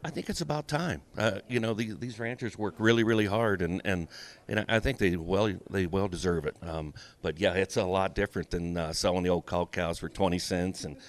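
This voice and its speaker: Deep-voiced, folksy middle-aged American man. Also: fairly quick. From small-town southeastern Ohio, USA. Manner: plain-spoken, folksy. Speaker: auctioneer, interview guest. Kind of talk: casual interview talk.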